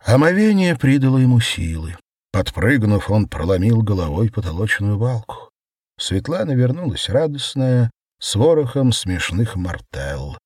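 A man narrating surreal prose in a measured, theatrical audiobook reading. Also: lowish voice, big pitch swings, a little mellow, slightly rough, no room sound, studio quality.

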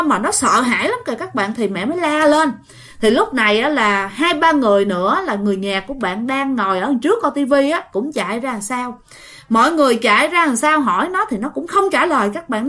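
A woman with a high, lively voice tells a ghost story in a casual way. She's chatty and speaks straight to her listeners.

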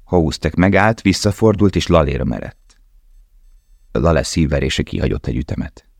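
Very deep-voiced male narrator. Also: animated, vocal fry, dry recording, studio quality. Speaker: audiobook narrator. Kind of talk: scripted narration.

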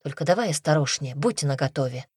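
A woman narrator voicing a calm, decisive young man in an audiobook. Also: low-pitched, quick pace, breathy edge, no echo, studio quality, exaggerated voice. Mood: steady.

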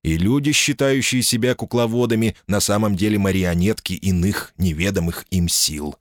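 A man's voice: fairly low pitch, moderate pace, no echo, lightly acted. A man reading a wry, guarded man. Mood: musing. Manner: dry, ironic, musing. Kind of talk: audiobook character voice.

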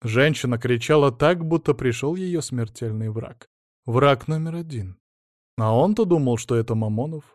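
A man with a medium-pitched voice narrates an audiobook in a measured, expressive way. The recording is dry and studio quality.

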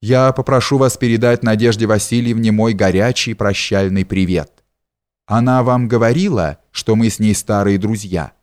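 A man reading the part of a worldly, talkative gentleman in an audiobook, with a smooth, familiar, teasing manner. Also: lowish voice, normal speed, dry recording, studio quality, natural voice. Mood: wistful.

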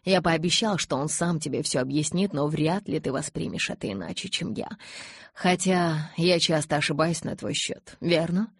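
A woman voicing a calm young vampire husband. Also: low-pitched, normal speed, breathy edge, no room sound.

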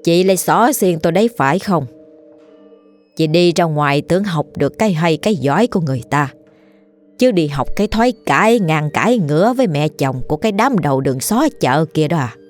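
A woman voicing a spiteful old village mother-in-law who scolds and wails in a sour, shrill way. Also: expressive, fairly quick, faint music behind. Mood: shrill scolding.

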